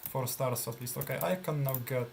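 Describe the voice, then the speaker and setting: A Polish-accented gameplay streamer, a native Polish speaker, thinks aloud while casually remarking on his own play, full of fillers and half-finished phrases. His mid-range voice is brisk and gravelly yet a little mellow. There's slight noise in the background.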